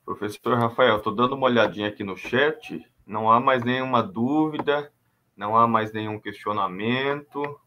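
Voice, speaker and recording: A man's voice: mid-range voice, moderate pace, bright, forceful tone, a little hiss or hum. A man moderating a live online talk over a computer mic, friendly, reading out the chat and addressing the viewers.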